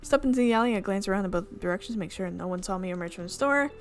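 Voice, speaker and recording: Rapid-fire and expressive at medium pitch, a woman reads a visual novel's narration as host of a gaming video. She frequently stumbles and backtracks to fix her words over faint background music.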